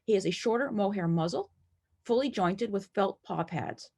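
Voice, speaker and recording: A woman's voice: mid-range voice, expressive, normal speed, gravelly, darkish tone, husky. A woman from the United States giving a friendly, enthusiastic presentation over slides from home. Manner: friendly, enthusiastic, lightly playful. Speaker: collector presenting a talk.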